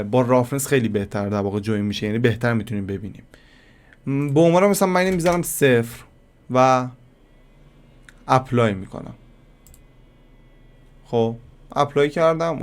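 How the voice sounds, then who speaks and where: A man giving a casual screen-recorded software lesson, talking to viewers like friends and thinking aloud as he clicks through settings. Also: medium pitch, clean tone. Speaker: software tutorial instructor.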